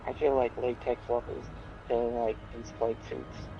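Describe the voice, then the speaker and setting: A man's voice: mid-range voice, level tone, moderate pace, dull audio, music in the background. A man co-hosting a game live stream, joking and teasing in casual chat.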